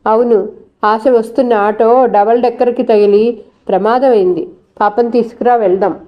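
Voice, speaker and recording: A woman's voice: a little high, steady tone, moderate pace, muffled recording, close to an everyday voice. A woman reading the lines of a worried young man who brings urgent news in a trembling voice.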